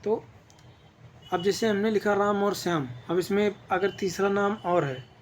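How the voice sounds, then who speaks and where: A man's voice: high voice, fairly even intonation, a little slow, a little hiss or hum. A man teaching an exam-prep grammar lesson, explaining patiently and checking in with his listeners as he goes.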